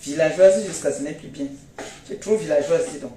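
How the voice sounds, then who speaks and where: A Cameroonian woman with a deep, warm voice rants fairly quickly on a phone live stream, mocking and scolding with blunt, repeated jabs. She sounds tired and unwell, speaking in Cameroonian French-accented speech in an echoey room with faint hiss underneath.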